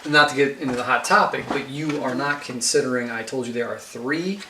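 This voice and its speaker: A man's voice: medium pitch, brisk, reverberant, distant mic, noisy background. A man co-hosting a casual fantasy sports chat, dry and teasing, laying out details step by step. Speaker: podcast co-host.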